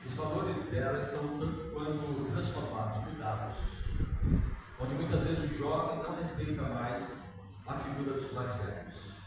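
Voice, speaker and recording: An older man with a Brazilian Portuguese accent delivers a sermon in a conversational way, often turning questions to his listeners. His voice sits a little high. The sound is heard from far off, with a long echo of a church hall and clear background noise. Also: a little slow. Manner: conversational, asks the congregation questions. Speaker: preacher. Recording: echoey hall, far from the mic.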